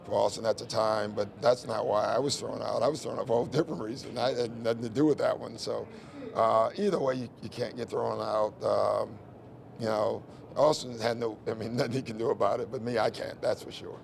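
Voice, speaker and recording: Gravelly-voiced man fielding press questions. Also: fairly low pitch, fairly even intonation, fairly quick. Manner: candid, conversational, peppered with "you know" and "listen". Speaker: head coach. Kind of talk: postgame press conference answers.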